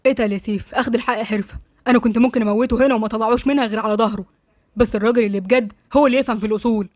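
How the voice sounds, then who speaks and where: A woman voicing a stern, commanding man with an Egyptian accent, lowering her voice and speaking curtly. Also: steady tone, rapid-fire, a little mellow, no room sound, studio quality, close to an everyday voice. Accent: Egyptian Arabic. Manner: firm, curt.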